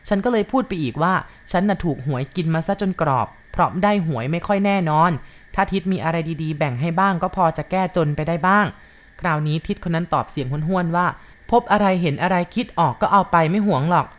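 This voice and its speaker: A woman tells a ghost story at an even, unhurried pace. Her voice sits a little low for a woman, and she keeps the reading calm and steady.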